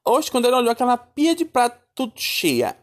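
A man telling a childhood story in a lively, chatty way, calling his listeners darling and my son. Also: very high voice, normal speed. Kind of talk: casual storytelling.

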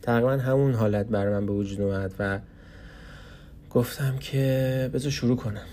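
A young man recording a personal podcast alone in a small office, talking unscripted, tired and hesitant with many pauses. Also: mid-range voice, dark tone, a little hiss or hum. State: tired from lack of sleep. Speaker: podcast host.

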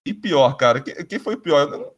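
A man's voice: a little high, expressive, brisk, muffled recording. A Brazilian man hosting a casual sports podcast, rambling and swearing freely with lots of restarts. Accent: Brazilian Portuguese. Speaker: podcast host.

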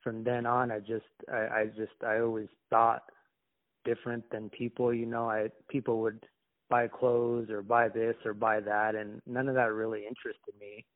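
A young man from Somalia answers interview questions in a halting, reflective way, often restarting his sentences. His voice sits a bit low. It comes through a thin, phone-like call line. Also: level tone. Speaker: interview guest. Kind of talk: casual conversation.

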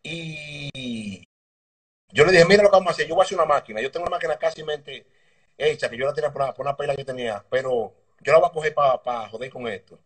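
A man with a Dominican accent, a mechanic telling stories from his past in a relaxed, rambling way in an interview over a video call. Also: fairly high pitch, fast talker. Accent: Dominican Spanish. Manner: relaxed, rambling anecdotes with slang. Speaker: guest, motorbike mechanic. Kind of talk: casual interview storytelling. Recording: distant video call audio.

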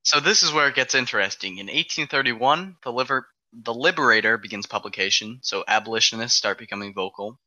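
Man presenter, very bright and forceful tone, dry close sound, laid-back explainer with ums. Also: mid-range voice, fairly quick, few pauses, no echo, highs cut off. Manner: walks through dates step by step, frequent ums. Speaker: presenter of an alternate history timeline. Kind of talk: casual explanatory podcast talk.

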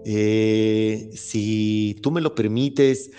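A man's voice: lowish voice, steady tone, very slow, dark tone, soft background music. Earnest man hosting a faith podcast. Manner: earnest, rambling, with frequent restarts and fillers. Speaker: podcast host. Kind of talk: casual faith-based podcast conversation.

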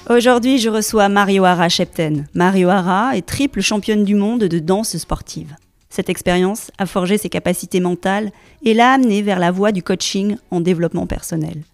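A woman hosting a podcast, reading a lively scripted welcome over music, then asking her guest questions. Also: mid-range voice, normal speed, no room sound. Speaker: podcast host.

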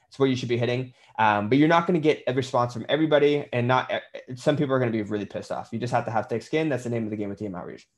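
A man coaching personal trainers on their business in a blunt, conversational way, with the odd swear word. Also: mid-range voice. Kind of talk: casual instructional talk.

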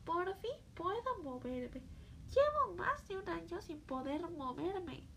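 A woman's voice: extremely high pitch, very animated, takes it slowly, creaky, a bit bright, a little hiss or hum, full character voice. A woman playing a rusty, stiff male tin man who cannot move, in a children's stage play. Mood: wistful.

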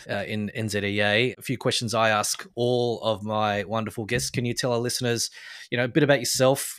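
A man's voice: mid-range voice, fairly bright tone. A man hosting a podcast, enthusiastic and often hesitating with fillers. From Australia. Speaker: podcast host. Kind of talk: casual podcast interview.

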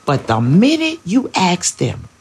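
A woman in her forties hosts a casual podcast with a very raspy, gravelly voice. Her pitch swings up and down a lot as she acts out family scenes with exclamations. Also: huge pitch swings, measured pace, a little mellow. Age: 40s. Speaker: podcast host and pastor.

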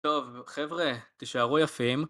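A man's voice: a little high, pushed and bright. A young man chatting casually as a podcast co-host. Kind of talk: casual chat.

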